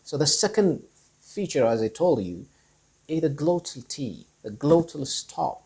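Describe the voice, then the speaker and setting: A man's voice: fairly high pitch, animated, measured pace, dark tone, breathy edge, poor audio. A man, an Amharic speaker, teaching English pronunciation and repeating example words one by one. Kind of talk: explanatory lesson.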